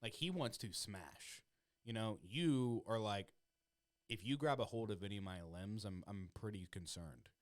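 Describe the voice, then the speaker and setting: A man's voice: on the low side, unhurried. A man hosting a podcast in casual chat, rambling and swearing freely. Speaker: podcast host.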